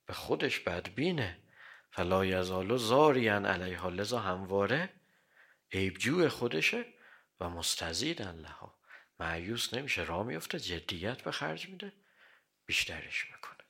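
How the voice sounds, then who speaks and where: A man giving a religious sermon, quoting Arabic sayings and explaining them in everyday Persian, often clearing his throat. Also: fairly low pitch, sing-song, fairly bright tone. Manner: quotes Arabic hadith then explains in plain Persian. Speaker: cleric.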